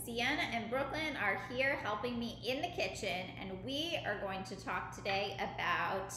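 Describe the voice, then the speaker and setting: A woman's voice: mid-range voice, lively intonation, normal speed. A young woman hosting a kids cooking lesson in her home kitchen, talking to the camera in a cheerful, encouraging way. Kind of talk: casual instructional chat. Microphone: camera mic at a distance. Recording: echoey kitchen with room noise.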